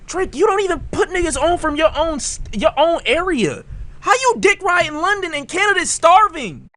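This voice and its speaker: A man's voice: extremely high pitch, sing-song, normal speed, bright, forceful tone. A man giving a heated, mocking rant as a music commentator.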